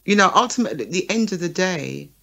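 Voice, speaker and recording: Speaking fast with a fairly low pitch and some vocal fry, a woman co-hosts a radio talk show. A promoter by trade, she argues her points with energy and keeps asking her audience "right?" and "okay?".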